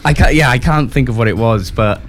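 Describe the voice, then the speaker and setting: A man's voice: medium pitch, a little fast. A young man from Wales, a musician guest in a casual interview, speaking hesitantly with many restarts.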